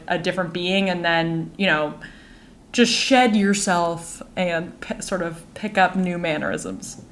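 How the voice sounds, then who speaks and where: A woman in her twenties hosting a casual solo podcast. She tells stories in an animated, exasperated way and laughs often. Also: lowish voice. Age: 20s. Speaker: podcast host.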